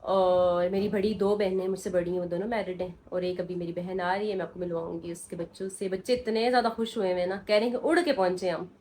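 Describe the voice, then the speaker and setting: A woman's voice: lowish voice, steady tone, fast talker, hardly any pauses, a little mellow, a little hiss or hum, poor audio. A young woman with a Pakistani accent vlogging casually from her family home, chatty and cooing fondly at small children. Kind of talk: casual home vlog chat.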